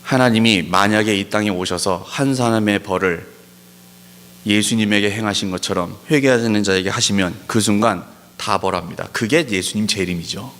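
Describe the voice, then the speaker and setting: A man preaching a sermon as pastor, pressing his points with emphatic rhetorical questions and slowing down to stress key words. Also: on the low side, a bit bright. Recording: long hall reverb.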